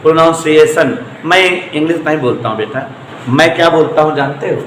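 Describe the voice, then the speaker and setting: Male physics teacher, slightly high voice, emphatic and repetitive with joking asides, echoey room with a long reverb tail. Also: brisk, fairly bright tone, slight background noise. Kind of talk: classroom lecture.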